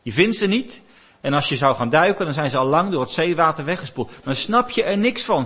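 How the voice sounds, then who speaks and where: Lively husky male preacher. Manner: animated storytelling, rises and drops in pitch. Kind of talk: sermon.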